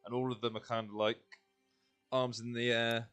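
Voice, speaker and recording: A man working as game master, improvising narration in a halting, casual way as he searches for words. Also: medium pitch, flat delivery, a bit bright, soft background music.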